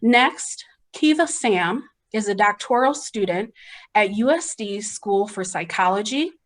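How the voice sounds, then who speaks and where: A woman's voice: mid-range voice, expressive, a little slow. A woman moderating a panel on a video call, giving upbeat, scripted introductions.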